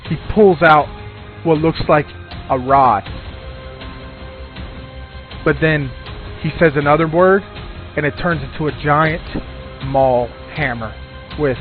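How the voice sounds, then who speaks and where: A man's voice: a little high, slow pace, long pauses. Man narrating a tabletop game, phone-like sound. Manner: descriptive storytelling with frequent restarts and ums. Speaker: game master. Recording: phone-like audio with faint music.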